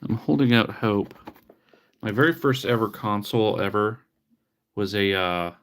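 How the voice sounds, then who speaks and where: Here the streamer's voice sits fairly low and moves unhurriedly. He's cleaning a vintage handheld console on a live stream, sniffling a little from allergies and chatting casually with wry jabs of mock disgust, as someone who restores retro handhelds.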